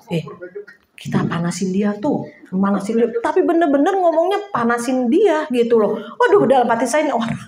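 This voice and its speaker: Woman preacher, informal house-church sermon, chatty and lively, fairly high voice, echoey room. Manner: lively, chatty preaching with laughs and acted quotes.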